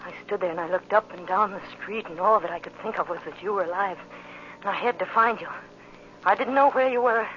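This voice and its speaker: In a 1940s radio drama, an actress with a mid-range, fairly bright voice speaks briskly and with a light theatrical touch as a young widow consumed by grief and vengeance. She repeats her lines obsessively, bitter and haunted, in an intense, dramatic delivery heard through a muffled, noisy old recording.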